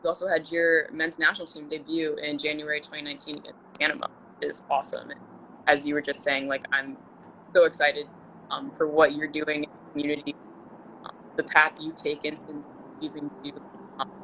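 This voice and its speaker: A woman's voice: sits low, completely flat delivery, a little fast, pushed and bright, slight background noise, poor audio. A woman in her twenties from Central Maryland, hosting a casual live video interview and chatting encouragingly with her guest. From Central Maryland, USA. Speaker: host.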